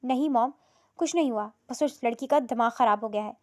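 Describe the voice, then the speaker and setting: A woman's voice: a little high, a little mellow, no room sound, studio quality, close to an everyday voice. A woman voicing an irritated young man who answers curtly. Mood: annoyed. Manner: curt, annoyed.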